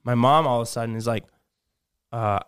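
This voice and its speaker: A man's voice: mid-range voice, brisk, a bit bright, clean tone. Laughing young man telling a story. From United States. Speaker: podcast host. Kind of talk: casual storytelling chat.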